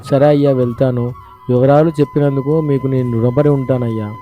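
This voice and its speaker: A man voicing a poor, bold young farmer in a storybook cartoon, answering with quick wit. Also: medium pitch, fairly even intonation, phone-quality sound, soft background music, close to an everyday voice. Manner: bold, quick-witted replies.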